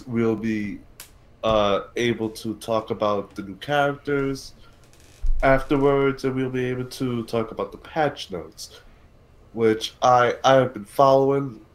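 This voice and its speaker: Thinking aloud with frequent hesitations and repeated words, this man hosts an easygoing podcast stream covering films and games. His voice sits in the middle range.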